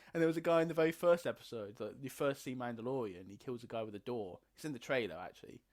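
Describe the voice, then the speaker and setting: A man co-hosting a casual podcast, excitable and laughing often. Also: mid-range voice, quick pace. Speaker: podcast co-host. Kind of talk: casual chat.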